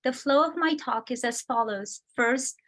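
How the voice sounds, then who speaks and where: A woman from Romania giving a measured, explanatory prepared lecture over a video call. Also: high-pitched, fairly bright tone. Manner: measured, explanatory, reads from slides. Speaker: guest speaker.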